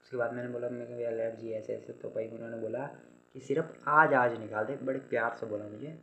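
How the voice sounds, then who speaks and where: A man's voice: medium pitch, little pitch movement, fast talker, vocal fry, dull audio. A young man telling a story in a casual vlog, chatty, calling listeners "bhai" and acting out what others said. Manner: chatty, repeats "bhai" and "theek hai", quotes others in dialogue. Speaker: vlogger.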